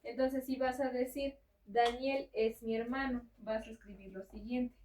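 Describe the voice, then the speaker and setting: A woman's voice: a little high, steady tone, measured pace, darkish tone, a little hiss or hum. A woman giving a patient, step-by-step home lesson in French, often checking in with the learner. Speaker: informal French tutor. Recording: roomy sound, far from the mic.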